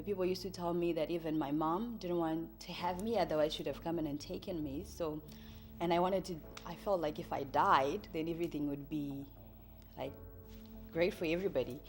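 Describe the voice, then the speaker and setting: A low-pitched, darkish voice belongs to a woman in her early thirties, a native Shona speaker with a Zimbabwean accent. As a church member, she tells her life story in a hesitant, reflective testimony while music plays behind her.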